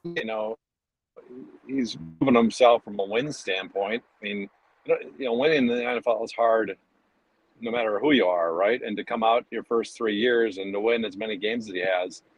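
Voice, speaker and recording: A man's voice: fairly low pitch, normal speed, no echo, highs cut off. A man chatting casually about football on a podcast, rambling and interrupting himself, talking into a headset from his car. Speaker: podcast co-host. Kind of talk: casual sports chat.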